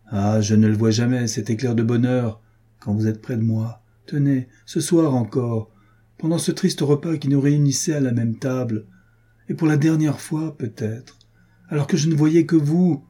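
A man's voice: medium pitch, normal speed, dark tone, voice pushed up, natural voice. A man voicing a jealous, vengeful noblewoman. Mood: reproachful. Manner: pleading then bitter, vengeful. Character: jealous, passionate noblewoman scorned by her lover. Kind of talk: audiobook character reading.

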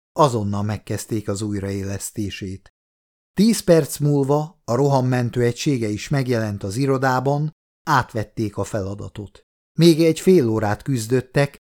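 A man reading an audiobook in scripted narration, with a steady, even delivery. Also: medium pitch.

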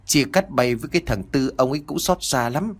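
A man's voice: mid-range voice, animated, fairly quick. A man voicing an anxious elderly country mother who rambles and stammers on the phone. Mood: anxious, chatty. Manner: rambling, stammering southern-rural speech.

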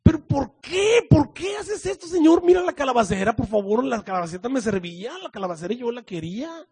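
A man with a Mexican accent voicing a sulking, childish prophet who whines, pleads and shouts in angry outbursts. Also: high voice, steady tone, a little fast, husky. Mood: whiny grief.

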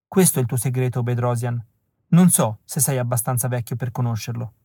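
Guy doing a soft earnest rebel woman, wistful, raised a bit higher, dry close sound. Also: a little fast, no echo, close to an everyday voice. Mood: teasing. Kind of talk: audiobook reading.

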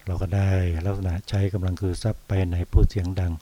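A Buddhist monk from Thailand giving a dhamma talk, unhurried, often pausing on soft particles and repeating phrases. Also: male voice, low voice, level tone. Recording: dull lo-fi recording.

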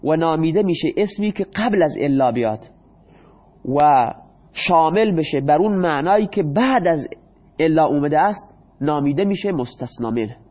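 A male teacher who explains grammar in Persian, asks his students questions and answers them himself, and reads the example sentences slowly. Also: on the high side, animated, dull audio.

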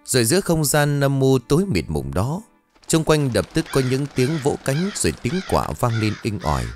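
A man narrating an audio story in a dramatic, expressive reading style. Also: medium pitch, moderate pace, faint music behind.

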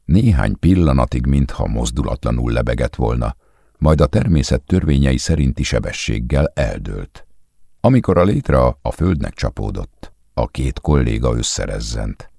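A man reads a novel aloud in a calm, measured way. His voice sits extremely low, with a gravelly fry and a husky edge. The close recording is dry, with no room sound. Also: dry recording. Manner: calm, measured literary reading. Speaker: audiobook narrator. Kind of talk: scripted audiobook narration.

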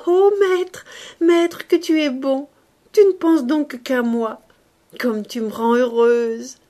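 Woman voicing a gushing, high-voiced young girl. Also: measured pace, mellow. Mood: delighted.

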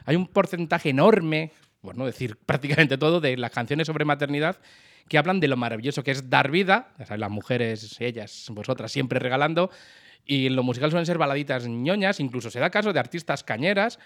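Brisk man introducing music. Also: mid-range voice, a bit bright. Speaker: podcast co-host. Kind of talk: scripted music segment intro.

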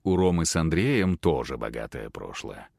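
Man as a cold, composed professor, low and quiet, measured delivery. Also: gravelly, no echo, clean studio sound, exaggerated voice. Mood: calm, cold. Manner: calm, measured, detached. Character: calm, cold middle-aged male professor.

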